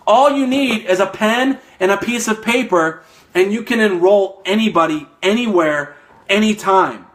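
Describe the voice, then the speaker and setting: A man's voice: sits high, moderate pace, a bit bright. A young man giving a fired-up motivational talk as a network marketing coach, emphatic and a little out of breath, often tagging lines with "okay?". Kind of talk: motivational live stream talk.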